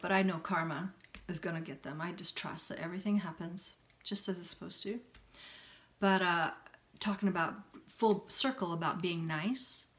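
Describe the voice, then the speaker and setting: A middle-aged woman telling a personal story in a candid, animated way, with long run-on sentences. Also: lowish voice. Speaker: spiritual healing vlogger.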